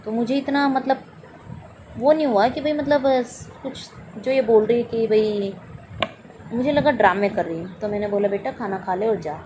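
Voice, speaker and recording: A woman's voice: a little high, normal speed, noisy background. A woman, a mother, telling a personal story about her daughter in spoken testimony style, voicing both her own lines and her daughter's as she goes.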